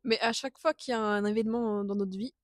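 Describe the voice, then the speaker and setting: A woman's voice: mid-range voice, steady tone, quick pace, dry recording, clean studio sound. A young woman co-hosting a casual podcast chat, slangy and teasing, often jumping in. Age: young adult. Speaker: podcast co-host.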